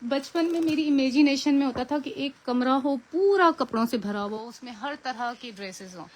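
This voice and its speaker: A woman's voice: high voice, moderate pace, a little hiss or hum. Chatty Pakistani woman selling clothes live. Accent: Pakistani Urdu. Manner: chatty, repeats pious phrases often; firm about fixed prices. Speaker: preloved clothing seller. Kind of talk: casual live-stream sales chat.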